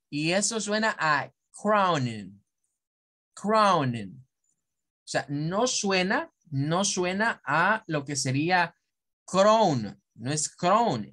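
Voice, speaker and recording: Slow-talking man teaching English pronunciation. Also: high-pitched, fairly bright tone. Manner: slow, repetitive, drawing out example sounds. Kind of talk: classroom pronunciation lesson.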